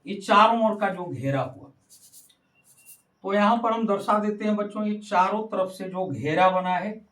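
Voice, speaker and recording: A man's voice: sits high, normal speed, a bit bright. A male math teacher explaining a geometry lesson to children, repeating points and calling on the kids again and again, with a Hindi accent. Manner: repetitive, addresses the kids constantly. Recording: roomy, from a distance.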